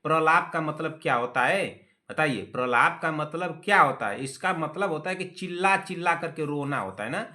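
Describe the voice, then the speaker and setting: Young male tutor, bright and slightly high voice, scolds and teases his class, repeats key words. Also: animated, normal speed. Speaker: teacher. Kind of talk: online exam-prep class.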